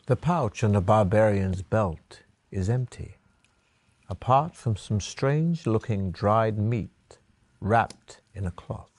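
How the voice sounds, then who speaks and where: A man narrating a fantasy gamebook adventure in the second person, in a measured storytelling manner. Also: fairly low pitch, a little mellow, dry recording.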